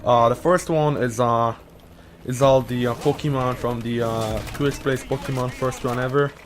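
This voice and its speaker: A young man runs a casual YouTube vlog answering Reddit questions, his mid-range voice steady and at normal speed. His Quebec French accent is partly Americanized. He rambles, swearing, dropping "uh" fillers and restarting his thoughts.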